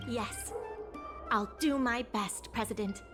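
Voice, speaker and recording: A woman's voice: a little high, takes it slowly, music in the background. An actress playing an earnest young woman merchant who speaks sincerely and politely.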